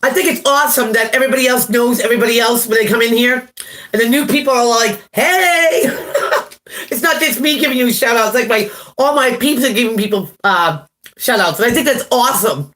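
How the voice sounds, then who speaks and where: A woman's voice: fairly high pitch, fast, a bit bright. Chatty, self-amused woman reading tarot. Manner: chatty, laughs at herself often; greets viewers by name. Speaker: tarot reader. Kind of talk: casual live-stream tarot reading.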